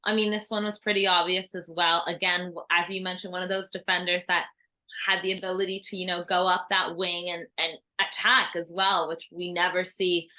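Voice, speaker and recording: A young woman co-hosting a football podcast, lively and quick to laugh. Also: on the low side. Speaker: podcast co-host. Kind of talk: casual football debate.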